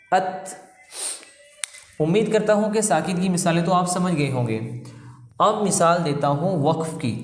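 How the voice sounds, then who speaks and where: Male tajweed teacher, slow patient drilling, fairly high voice, roomy echoing room. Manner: slow, patient, repeating letters and drilling sounds. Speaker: Quran recitation teacher. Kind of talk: step-by-step tajweed lesson.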